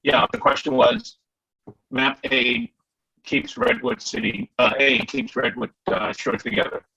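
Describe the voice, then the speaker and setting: Commissioner type, male, over a choppy breaking-up call; gravelly, husky, halting, lively pitch, muffled lo-fi line. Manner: halting, searching for words. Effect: choppy breaking-up call audio. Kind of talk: public meeting questions. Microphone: video call. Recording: dull lo-fi video call line.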